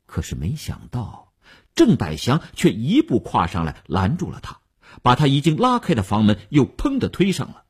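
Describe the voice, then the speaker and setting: A man narrating a novel in a measured, dramatic storytelling manner. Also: medium pitch, wildly swooping pitch, slightly rough. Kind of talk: audiobook narration.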